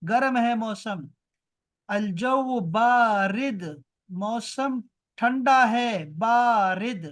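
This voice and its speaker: A high-pitched man teaching Arabic gives an online language lesson over a video call. He repeats each word slowly and explains it, then rushes through quick asides.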